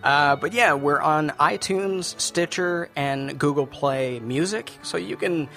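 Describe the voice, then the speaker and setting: Gravelly-voiced laid-back male podcast host. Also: fairly high pitch, takes it slowly, pushed and bright, soft background music. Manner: laid-back, chatty, with fillers and laughs. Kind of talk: casual chat.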